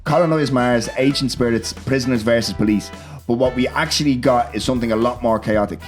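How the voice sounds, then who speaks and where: A man's voice: medium pitch, a little fast, faint music behind. A man with a Dublin Irish accent hosting a film podcast in an informal, sweary, chatty way. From Ireland. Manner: informal, sweary, often tagging on "do you know what I mean". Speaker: podcast host. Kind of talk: casual film discussion.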